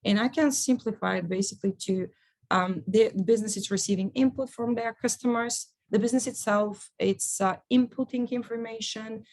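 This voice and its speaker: Halting woman, vocal fry. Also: on the high side, darkish tone, poor audio. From Bulgaria. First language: Bulgarian. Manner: halting, searching for words, explanatory. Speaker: business analyst. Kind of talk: conference lecture.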